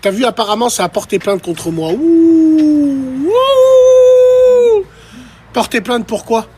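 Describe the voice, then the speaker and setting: A man's voice: sits high, brisk, a little hiss or hum. A man ranting on a live stream, talking straight to his chat in a crude, provocative and mocking way. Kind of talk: casual live-stream rant.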